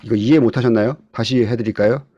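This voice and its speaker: A man teaching real estate investing in an online video-call lecture, often putting questions to his class and swinging between loud and soft. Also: medium pitch, steady tone, quick pace, dry recording, lo-fi sound. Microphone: computer mic on a video call.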